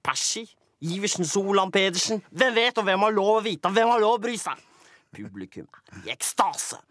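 A man, a comedy show host, giving theatrical mock-dramatic documentary narration that swings between booming and hushed. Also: very animated, no room sound, clean studio sound.

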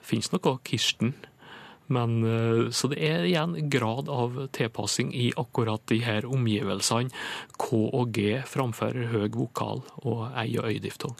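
Gravelly-voiced man explaining dialect words. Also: medium pitch, fairly even intonation, dry recording. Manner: measured, explanatory, many pauses and "eh" fillers. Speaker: dialect expert answering listener questions. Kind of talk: radio call-in explanation.

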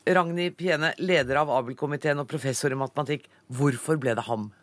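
A man with a fairly high voice anchors a studio news interview, moving between scripted introductions and light banter. The sound is dry and close. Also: no echo. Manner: light, joking about not understanding.

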